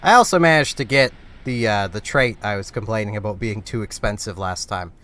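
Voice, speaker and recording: Here the man's voice sits lowish and comes across brisk, bright and forceful. He's getting sick and sounds congested, giving casual, self-deprecating commentary on a game while laughing frequently and rambling.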